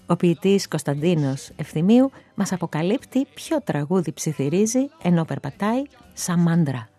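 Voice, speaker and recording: A woman hosts with a scripted narration, her delivery measured and polished. Her voice sits low and mellow. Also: very animated, soft background music. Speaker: host.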